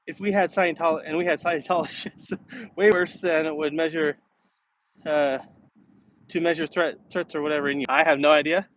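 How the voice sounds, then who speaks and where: A man's voice: on the high side, fairly even intonation, normal speed, fairly bright tone. A middle-aged American man chatting casually and easygoing on a live stream while walking, answering viewer comments. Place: outdoors on city streets, walking. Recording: outdoor background noise while walking. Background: outdoor ambient noise.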